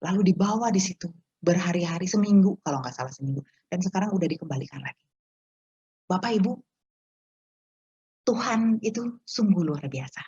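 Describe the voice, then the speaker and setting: A woman telling a personal testimony to an online prayer meeting, speaking to the listeners directly in an animated storytelling way. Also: fairly low pitch, brisk, pauses often, breathy edge, lo-fi sound. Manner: animated storytelling, addresses listeners as Bapak Ibu. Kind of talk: testimony to a congregation.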